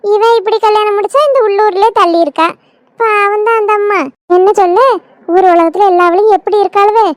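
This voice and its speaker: A woman's voice: extremely high pitch, fairly even intonation, brisk, dry recording, studio quality. A woman voicing a bossy middle-aged woman in a cartoon, gossiping and scolding. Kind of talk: cartoon comedy voice acting.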